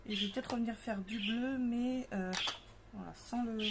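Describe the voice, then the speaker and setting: A woman's voice: on the high side, normal speed. Brief: woman, craft tutorial host, chatty and hesitant, home recording with noticeable noise and parakeets chirping. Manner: chatty, thinks aloud with many fillers. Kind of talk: casual craft demonstration. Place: home craft table with parakeets and kids nearby.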